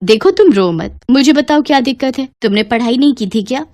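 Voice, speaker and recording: A woman's voice: sits high, expressive, a little fast, dry recording, clean studio sound. A woman voicing a kind, encouraging female biology teacher in a cartoon. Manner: encouraging, warm to pupils. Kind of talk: cartoon voice acting.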